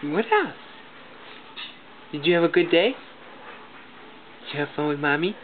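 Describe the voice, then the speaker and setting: A father uses a slow, animated, rather high voice to coax his baby in gasping, sing-song baby talk. The mother captures it on her phone for a home video, and the sound comes out tinny with heavy noise.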